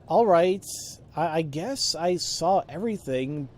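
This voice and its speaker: Speaking in a slightly high, darkish voice at a measured pace, a man provides animated, casual let's play commentary. He thinks out loud, rambles, pokes fun at himself, and mumbles through the text he reads.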